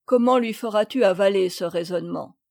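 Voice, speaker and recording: A woman reading the part of a gentle older father, speaking calmly and kindly. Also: medium pitch, brisk, creaky, lightly acted. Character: gentle older male father, naval officer.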